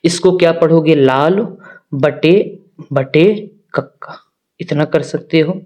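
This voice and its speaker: A man's voice: on the high side, takes it slowly, a little mellow, dull audio. A man teaching a maths lesson, talking straight to his students, asking them questions and answering them himself. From northern India. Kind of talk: classroom-style maths lesson.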